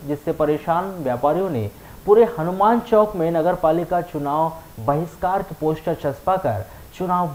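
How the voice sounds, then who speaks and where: A formal news reading opens the story in a scripted style. The delivery is measured and plain. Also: mid-range voice, a little mellow, rough recording.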